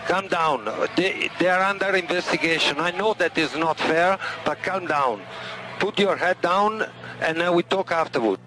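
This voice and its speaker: A man speaking firmly and calmingly over motor racing team radio, in a race spotter style. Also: on the high side, normal speed, background noise. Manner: calming, firm.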